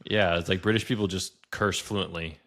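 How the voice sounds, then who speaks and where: Deep-voiced man in casual podcast chat. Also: steady tone, moderate pace, fairly bright tone. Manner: rambling, many "like" fillers. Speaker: podcast co-host.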